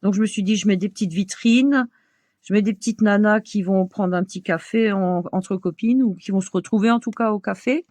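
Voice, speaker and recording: Older woman, Alsatian accent, homely chatty show-and-tell voice, mid pitch, dry close sound. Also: fairly quick, dry recording. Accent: Alsatian French. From Alsace, France. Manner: chatty, homely, many small fillers and soft laughs. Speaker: craft vlogger. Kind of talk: casual show-and-tell chat.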